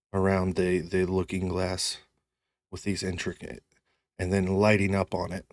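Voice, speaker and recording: A man with a very deep voice narrates a fantasy game as game master. He is slow and dramatic, placing short phrases deliberately, in a dry, close recording. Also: no echo.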